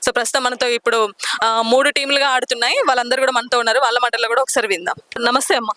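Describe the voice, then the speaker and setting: A woman's voice: on the high side, fairly even intonation, racing, pushed and bright. A woman reporter hosting interviews at an outdoor cricket event, asking short friendly questions. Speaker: reporter and host. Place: outdoor cricket ground at a college.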